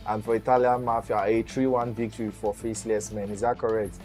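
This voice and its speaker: A man hosting a live esports stream from Nigeria, interviewing team managers in an energetic way and often repeating words. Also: fairly low pitch, fairly quick, faint music behind. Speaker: host.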